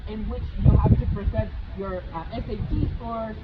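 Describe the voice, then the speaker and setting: A man's voice: high-pitched, fairly even intonation, normal speed. A young man from Chile with a Chilean accent, a student earnestly explaining things while walking outdoors on a college campus. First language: Spanish. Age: young adult. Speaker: student tour guide. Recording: tinny phone-like audio with loud outdoor traffic noise.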